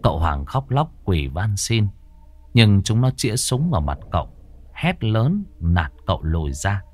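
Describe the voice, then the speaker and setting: A man narrating a ghost story in a dramatic, expressive way. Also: lowish voice, a little slow.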